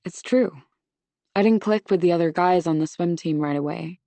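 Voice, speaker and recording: A woman's voice: fairly low pitch, moderate pace, dark tone, dry recording, lightly acted. A woman voicing a charming young college swimmer. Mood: friendly. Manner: friendly, easy and confident. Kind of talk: audiobook dialogue.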